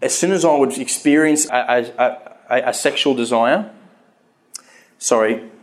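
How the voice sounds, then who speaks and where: Before a live audience, a man in his thirties shares a candid, earnest talk on his faith, his stutter causing frequent restarts. He speaks a little slowly in a medium pitch.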